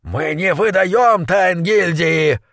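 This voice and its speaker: A man voicing a sick ratcatcher from a storybook, groaning and barking in a strained high voice. Dry, close sound. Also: takes it slowly, gravelly, a bit bright, dry recording, heavily acted. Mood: sick and snappish. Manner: groaning, snapping. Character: queasy grumbling male ratcatcher.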